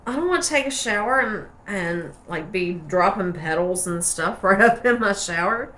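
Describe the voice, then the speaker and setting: A woman's voice: medium pitch, expressive, normal speed, a bit bright. Folksy woman with an Appalachian hillbilly accent. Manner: folksy, rambling and playful, with homespun slang. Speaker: soap maker and channel host. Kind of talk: casual craft vlog chat.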